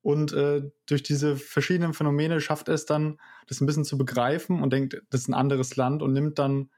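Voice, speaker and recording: A young man co-hosting a podcast, giving a casual summary in a loose, halting way. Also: a little high, level tone, darkish tone. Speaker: podcast co-host.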